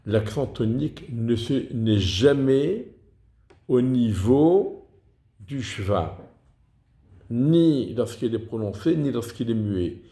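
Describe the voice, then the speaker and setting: A man giving a slow, deliberate lesson on reading liturgical texts, pausing to sound out example words. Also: mid-range voice, animated, vocal fry, mellow, reverberant. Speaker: teacher of Hebrew liturgical reading.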